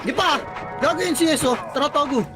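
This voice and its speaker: A man leading his squad in live team voice chat during a shooter match, barking rapid commands, counting down and swearing. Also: very high-pitched, animated, loud music behind the voice. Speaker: squad leader calling shots.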